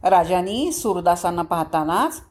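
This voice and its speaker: A woman telling a moral story to children, speaking lively and asking them questions that she answers herself. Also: fairly low pitch. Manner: sings devotional verse slowly.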